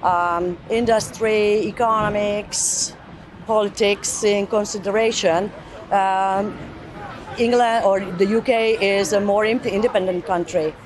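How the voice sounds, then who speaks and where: A woman's voice: medium pitch, fairly even intonation, takes it slowly, noisy background. Fifty-something woman stopping and starting a lot, outdoors on a city square. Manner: hesitant, many fillers. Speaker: interviewee. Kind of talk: street interview.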